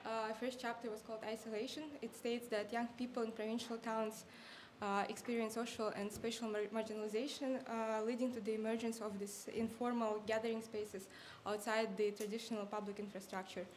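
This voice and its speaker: A young woman in her twenties delivers a thesis defense in a fairly high voice. She sounds nervous and hesitant, with apologetic, formal academic phrasing. The live recording has clear background noise. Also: flat delivery, brisk, hardly any pauses. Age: 20s. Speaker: master's student defending a thesis.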